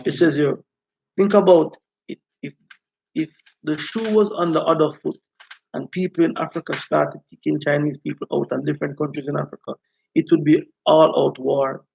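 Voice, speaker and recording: Guy doing live rasta style commentary, creaky voice, kinda dull lo-fi audio. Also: fairly high pitch, steady tone, moderate pace, a little mellow. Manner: repeatedly checks listeners follow. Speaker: host of a live talk stream. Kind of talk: informal live commentary, reading out viewer comments.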